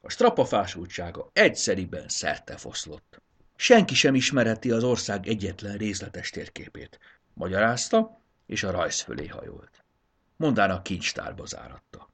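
A man reading a children's storybook aloud in an expressive, measured way. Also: lowish voice, husky. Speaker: narrator. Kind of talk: storybook narration.

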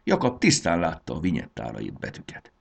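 Male narrator reading a children's story; very low, lively delivery. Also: gravelly, husky.

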